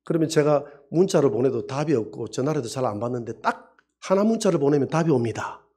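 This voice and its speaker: A middle-aged male pastor, preaching a sermon and telling anecdotes in an animated way. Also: medium pitch, quick pace, breathy edge. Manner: animated storytelling preacher who acts out quoted voices.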